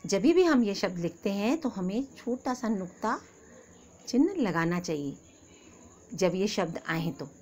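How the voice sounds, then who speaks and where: A woman teacher explains grammar to young pupils at a very slow, deliberate pace. She asks a question and then answers it herself, addressing the children kindly. A steady hiss of noise sits under the recording. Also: mid-range voice. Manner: slow, patient, repeats questions and answers, calls pupils "beta". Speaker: school teacher. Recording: noisy background hiss.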